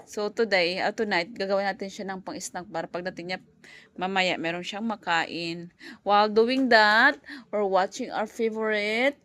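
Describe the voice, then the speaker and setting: A woman's voice: medium pitch, fairly even intonation, moderate pace, a bit bright. A woman vlogging as a mom cooking at home, chatting and mixing Tagalog with English while recording on her phone. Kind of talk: casual home cooking vlog. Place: home kitchen. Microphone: phone camera.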